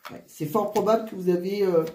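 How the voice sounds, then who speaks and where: A woman giving a casual card reading, wheezy and short of breath with flu, halting and often restarting her phrases. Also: mid-range voice, darkish tone, echoey room. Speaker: tarot card reader.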